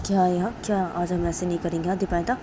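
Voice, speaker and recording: A woman's voice: lowish voice, steady tone, quick pace, natural voice. A woman voicing a gossipy young female friend who rambles in a conspiratorial way. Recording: noisy background with passing vehicles.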